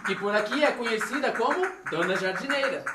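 A man's voice: extremely high pitch, animated, brisk, recorded from a distance. A young man with a Brazilian accent playing a grand stage storyteller, announcing characters like a ringmaster. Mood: grand, welcoming. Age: young adult. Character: grand male storyteller presenting a folk tale's characters. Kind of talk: theatrical stage narration. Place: indoor theatre stage. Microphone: far camera. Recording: echoey stage recording from afar, loud guitar.

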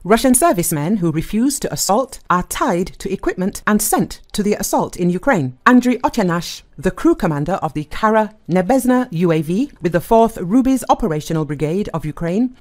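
Female news narrator, formal scripted read, mid pitch, studio voice-over. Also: expressive, moderate pace, hardly any pauses, darkish tone.

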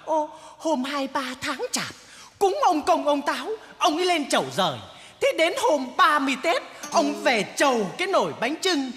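A woman's voice: sits high, animated, normal speed. A woman playing a cheeky, punning male clown servant in a traditional chèo stage comedy, full of teasing wordplay and sing-song quips. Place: theater stage. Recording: stage hall, loud live music.

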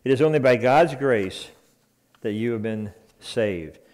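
A man's voice: medium pitch, animated, a little slow, a little mellow. A man preaching a sermon in a church, earnest and emphatic, repeating key phrases for weight. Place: church sanctuary.

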